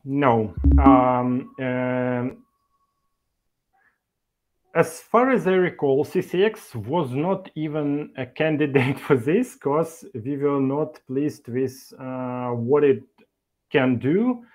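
A man presents over a video call, speaking slowly and deliberately at a middle pitch. He pauses often, filling the gaps with hesitations and restarting phrases. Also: a little mellow. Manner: halting, many fillers and restarts. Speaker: conference speaker from an e-learning developer. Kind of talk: online meetup presentation.

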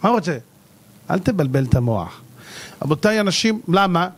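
A man's voice: high-pitched, sing-song. A man, a rabbi, giving a theatrical sermon who acts out the people in his stories. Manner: theatrical, acts out people with shouting and mocking voices. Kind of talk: animated Torah sermon.

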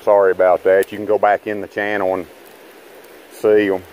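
A fishing vlogger with a low, flat, slightly mellow voice rambles at a moderate pace to his viewers, calling them "guys" and "boys" in a folksy way as he fishes from a rocky riverbank. His body-worn action camera picks him up with poor audio and a bit of background noise.

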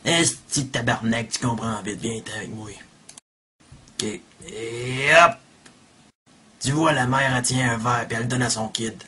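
A man's voice: a little slow, pauses often, sharp tone. A man with a Quebec French accent voicing a crude, creepy, foul-mouthed old grandfather in a comic cartoon dub. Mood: casual, crude. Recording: noisy low-quality dub audio.

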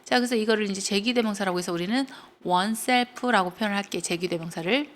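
A woman's voice: mid-range voice, a little fast. A woman teaching English grammar to students, explaining step by step and checking in with them often as she retells a story.

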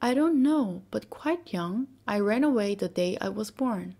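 A woman voicing a cheeky, boastful boy who never grows up, in a soft whispered role-play for a bedtime storybook. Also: medium pitch, lively intonation, a little slow.

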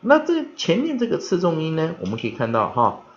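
A man teaching English pronunciation, spelling out letters and repeating each word slowly three times, with many spoken fillers. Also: fairly high pitch, huge pitch swings. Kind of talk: vocabulary pronunciation lesson. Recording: dull lo-fi recording.

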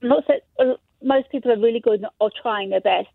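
A woman's voice: a little high, brisk, vocal fry, dry recording. Wobbly, warbling woman on a tinny phone line. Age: 50s. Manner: hesitant, with many ums and restarts. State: wobbly, warbling voice that goes wonky at times. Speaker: radio phone-in caller. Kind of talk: casual phone-in call. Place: on a phone call to a radio studio.

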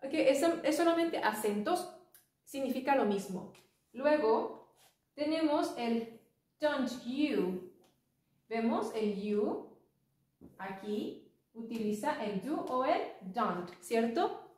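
A woman teaching an English lesson, explaining slowly and patiently. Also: fairly high pitch, lively intonation, a little mellow, distant mic. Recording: echoey room, voice from off-mic.

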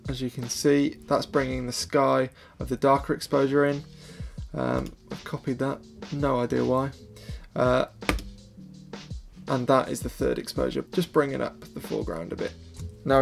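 A man's voice: mid-range voice, creaky. A young man chatting casually and explaining his photo editing step by step, self-deprecating. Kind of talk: casual vlog and editing tutorial.

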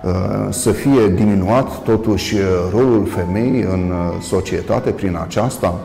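Male TV lecturer, gravelly and mellow, deliberate with many pauses; roomy reverb. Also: lowish voice, soft background music. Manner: measured, halting with frequent "uh" pauses, stressing contrasting word endings. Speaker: priest and professor hosting a TV talk. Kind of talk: solo lecture-style commentary.

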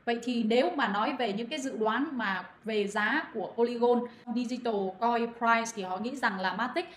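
Woman crypto explainer, higher voice, chatty with fillers, roomy echo and faint hiss. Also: moderate pace. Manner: addresses listeners as anh chị, many fillers. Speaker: crypto channel moderator. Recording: echoey room, faint noise.

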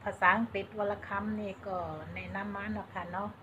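A woman from Buriram with an Isan Thai accent, chatting slowly and haltingly to her vlog viewers and mixing in Isan particles. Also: mid-range voice, little pitch movement, background noise. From Isan, Buriram province, Thailand. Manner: slow and halting, with many fillers and Isan particles. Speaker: vlogger. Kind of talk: casual chat to camera. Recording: dull lo-fi sound with faint ambience.

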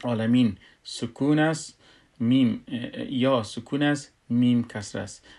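Male teacher, mid-pitched voice. Calm lesson delivery, repeating syllables and stretching recited words. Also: creaky. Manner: drills syllables one by one, drawing out recited words slowly. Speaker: tajweed teacher. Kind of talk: recorded lesson.

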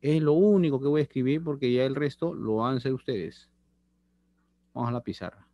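This online chemistry lecture comes from a middle-aged man in a small room, speaking into his laptop webcam on a video call. He talks a little fast in a mid-range voice, repeats phrases and checks in with students. The audio is dull, with no echo.

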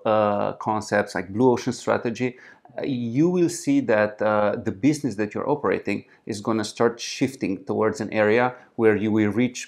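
Man, halting restarts. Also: lowish voice, vocal fry. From Romania. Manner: halting, frequent restarts and fillers, gestures while talking. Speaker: startup founder guest. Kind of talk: conversational interview answers. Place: small indoor room at a conference.

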